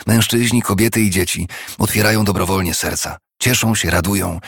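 A man's voice: sits low, gravelly, husky, no room sound, studio quality, voice pushed up, full character voice. A man voicing a cheerful young nephew who speaks earnestly and pleads kindly with his uncle.

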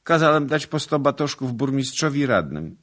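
A man voicing a brash, hot-headed young nobleman in an audiobook, boastful and loud. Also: a bass voice, lively intonation, measured pace, full character voice. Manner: boastful, loud and pleading by turns. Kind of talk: audiobook character reading.

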